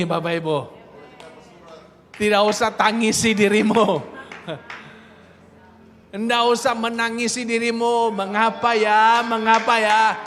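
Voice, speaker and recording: A male pastor preaching through a story with a very high, bright voice. He swings between hushed asides and loud exclamations, and a long church-hall reverb carries every line over a faint ambience. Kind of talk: sermon storytelling.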